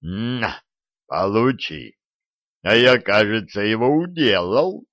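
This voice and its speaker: A man doing a loud bragging giant. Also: on the low side, very animated, slow pace, dry recording, exaggerated voice. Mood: boastful. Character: hulking boastful dim male giant. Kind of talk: audiobook character voice. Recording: dull lo-fi dry recording.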